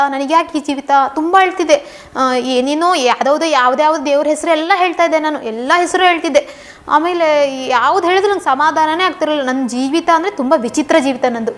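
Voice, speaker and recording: A young woman giving a personal testimony in an interview, telling her story earnestly and repeating herself for emphasis. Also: high voice. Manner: fast, earnest storytelling with repetitions.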